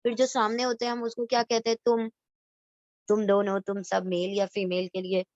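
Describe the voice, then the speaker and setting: A woman's voice: mid-range voice, little pitch movement, moderate pace, darkish tone, dry recording, highs cut off. A woman teaching Arabic grammar who explains patiently, repeats each term and keeps checking that her students follow, mixing in English grammar words. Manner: explains patiently, repeats terms, asks "theek hai?" to check understanding; mixes in English grammar words and Urdu-flavoured vocabulary. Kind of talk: recorded lesson revising a past lecture.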